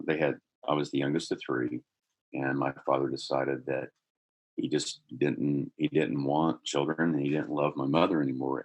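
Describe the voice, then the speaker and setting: A man with an extremely deep voice and a husky edge shares a personal story as a podcast guest. He talks earnestly, with pauses and restarts, and grows livelier as the story builds. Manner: earnest, builds in energy while telling a story.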